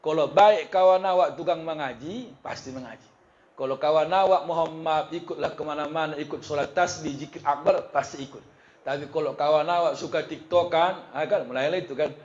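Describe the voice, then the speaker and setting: A man preaching a humorous sermon at a religious study gathering, talking in a lively, joking way and often addressing the women in the audience. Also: fairly high pitch, brisk, lo-fi sound. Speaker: Islamic preacher.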